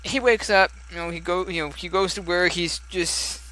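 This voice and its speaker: A man's voice: sits high, fairly even intonation, moderate pace, sharp tone, low-quality recording. A young man commentating as he plays a story game, chatty and musing aloud with frequent laughs. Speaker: let's play gamer.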